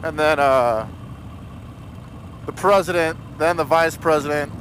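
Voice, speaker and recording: Young male motovlogger, slightly high voice, self-mocking and chatty, clear road noise behind. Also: measured pace, a bit bright. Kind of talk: casual vlog commentary while riding. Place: outdoors on a motorcycle in city traffic.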